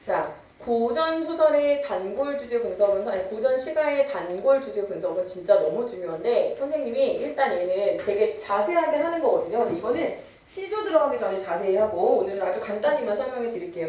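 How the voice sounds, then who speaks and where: A woman's voice: mid-range voice, expressive, fairly quick, hardly any pauses, warm tone, very echoey, far from the mic, lo-fi sound. A young woman teaching a literature lecture, chatty and teasing, mixing casual and polite speech. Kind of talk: online lecture.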